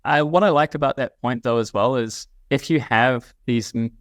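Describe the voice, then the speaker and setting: A man speaks as an interview guest, his voice smooth and clear. He talks in a thoughtful, reflective way, often restarting his sentences. The sound is close and dry, with no room around it. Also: medium pitch, normal speed, no room sound. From New Zealand. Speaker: guest, company CEO. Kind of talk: casual interview chat.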